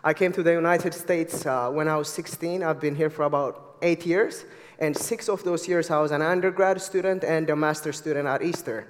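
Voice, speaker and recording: A man's voice: a little high, normal speed, long reverb tail. A man in his twenties from Ethiopia with an Ethiopian accent, preaching an earnest, eager sermon to a church congregation. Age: 20s. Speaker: guest preacher. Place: church sanctuary.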